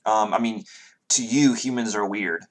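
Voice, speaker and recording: A man's voice: fairly low pitch, moderate pace. A man narrating as game master of a tabletop game, talking hesitantly with many fillers.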